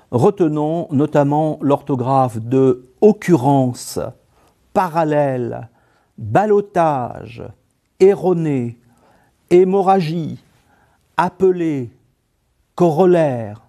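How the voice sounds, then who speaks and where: A man narrating a scripted spelling lesson in a slow, measured way, spelling out letters one by one. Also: on the high side, mellow. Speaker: French spelling teacher.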